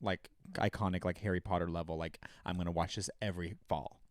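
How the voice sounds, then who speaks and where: A man's voice: low voice, a little fast, no echo, clean studio sound. A man co-hosting a podcast, gushing dramatically about a film. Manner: gushing, dramatic, lively sing-song delivery. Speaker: podcast co-host. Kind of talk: casual chat, film review.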